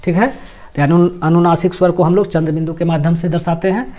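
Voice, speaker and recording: A man teaching a grammar lesson, explaining step by step, repeating each point and sounding out letters slowly. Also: a little high, fairly even intonation, dark tone. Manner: explains step by step, repeats points and asks questions back to the learner; sounds out letters and words slowly to show how they are spoken.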